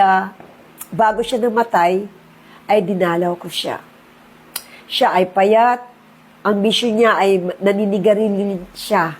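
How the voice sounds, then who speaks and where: A middle-aged woman who works as an insurance agent shares a personal testimony. Her mid-range, husky voice carries an earnest, preachy, emotional tone.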